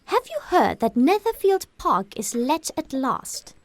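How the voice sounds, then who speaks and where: High, excitable, nagging British wife. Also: female voice, a little slow. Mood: eager, impatient. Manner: exclamatory, gushing, fretful. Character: excitable, nagging middle-aged English wife, self-pitying and gossipy. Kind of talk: audiobook character acting.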